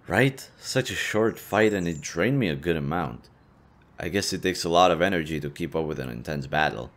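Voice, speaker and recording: This intimate roleplay features a man as a young, easygoing half-demon adventurer bantering with his best friend. He speaks in a low voice with lively intonation at a moderate pace. His tone is relaxed and teasing, casual and talkative.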